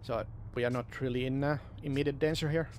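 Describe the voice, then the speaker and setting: A man's voice: mid-range voice, steady tone, fast, darkish tone. A man talking tactics as a squad member in a military simulation game, over voice chat. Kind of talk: tactical game chatter, switching between Finnish and English. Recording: game voice chat with background noise.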